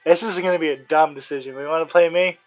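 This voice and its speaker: A man doing a deadpan robot voice. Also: on the high side, fast, soft background music, natural voice. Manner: flat mechanical robot delivery. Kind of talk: tabletop roleplay banter.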